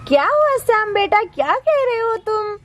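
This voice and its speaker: A woman's voice: extremely high pitch, big pitch swings, moderate pace, background noise, voice pushed up. A woman voicing a busy, caring young village mother who fusses over chores and her child in a doll-play story. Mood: coaxing.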